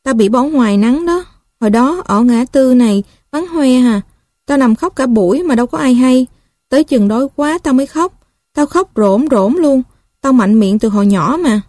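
A woman's voice: high-pitched, animated, moderate pace, a little mellow, dry recording, studio quality. A woman with a Southern Vietnamese accent voicing a scrappy, boastful young male street kid who talks in bossy slang. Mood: matter-of-fact.

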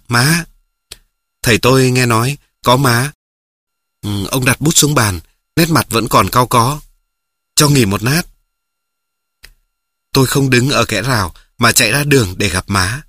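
A man narrating a memoir in the first person, reading steadily and calmly. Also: mid-range voice, no room sound, clean studio sound.

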